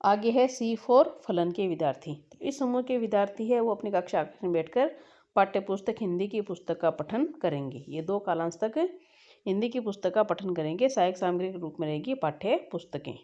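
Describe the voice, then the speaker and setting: Woman teacher walking through a lesson plan step by step, soft mellow voice, kinda dull lo-fi sound. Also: mid-range voice, lively intonation. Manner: measured, step-by-step explaining. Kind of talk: explaining a daily lesson plan.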